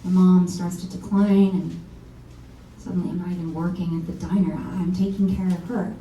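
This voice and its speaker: At a live reading in a small venue, a woman leads a one-woman musical as a blunt, self-deprecating singer-songwriter around thirty who has returned home, confiding with wry frankness and casual swearing in a very dark, mellow voice at a fairly low, flat pitch and normal speed. She sounds distant in the roomy space, a faint instrument behind her. The lo-fi audio carries slight hiss or hum, and her delivery is close to everyday speech.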